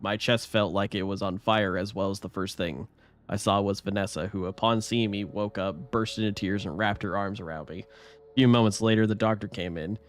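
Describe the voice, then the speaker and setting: A man reads a horror story aloud on his live stream in a low voice. He keeps a casual tone and often trips over words and restarts his lines. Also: steady tone, brisk. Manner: casual reading with frequent stumbles and restarts.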